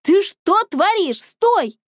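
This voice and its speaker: A woman's voice: extremely high pitch, sing-song, slow, dry recording, studio quality, voice pushed up, exaggerated voice. A woman voicing a sarcastic, hot-tempered teenage schoolgirl in an audiobook, with a mocking, biting manner. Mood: furious. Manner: mocking, then shouting.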